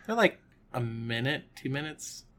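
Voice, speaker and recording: Bright-voiced man chatting casually. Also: mid-range voice, sing-song, a little slow. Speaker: podcast host and player. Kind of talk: casual chat.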